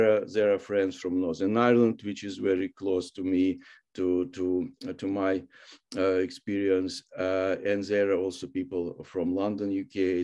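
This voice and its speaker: Guy, guest historian on a video call, really low voice, formal, lots of uhs. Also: a little mellow. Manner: formal, halting with fillers. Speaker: church historian, guest speaker.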